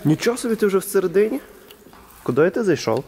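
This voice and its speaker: A man's voice: high voice, very animated, fast talker. Chatty man exploring an abandoned hall. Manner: chatty, exploring in the dark, remarks to a friend. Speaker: urban explorer filming. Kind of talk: casual handheld vlog narration. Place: large abandoned concrete hall.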